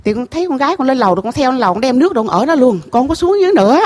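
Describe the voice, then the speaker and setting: A middle-aged woman with a Southern Vietnamese accent gives an emotional personal testimony at a temple gathering. She speaks earnestly and haltingly, repeats herself, and keeps addressing the master. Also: high voice, animated, darkish tone. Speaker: temple visitor telling her story.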